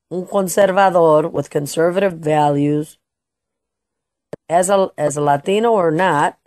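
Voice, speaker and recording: The political talk radio host speaks in a low, mellow voice, captured in a dry, studio-quality recording. She argues her opinions emphatically in a monologue, with a few restarts and occasional Spanish phrases.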